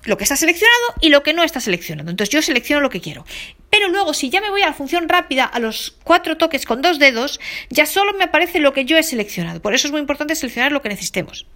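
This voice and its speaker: A woman's voice: high voice, big pitch swings, fast talker, sharp tone. A woman giving a casual spoken tutorial, talking straight to viewers and repeating aloud what her phone reads out. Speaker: instructor showing phone accessibility settings.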